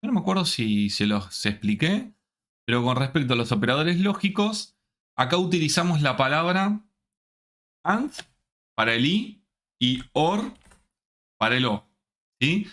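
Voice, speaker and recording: A man runs a live online programming class, speaking slowly and checking in with his students at almost every step. His voice is medium in pitch and a bit bright.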